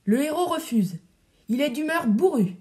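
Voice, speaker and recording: A woman reading a gruff cadet captain. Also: high-pitched, lively intonation, a little fast, warm tone, pitched above the performer's own voice.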